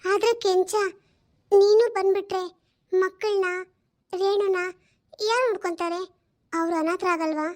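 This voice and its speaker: A woman voicing the gentle, sorrowful ghost of a dead wife who speaks unseen, pleading slowly and tenderly. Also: very high voice, fairly even intonation. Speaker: spirit speaking unseen to her husband.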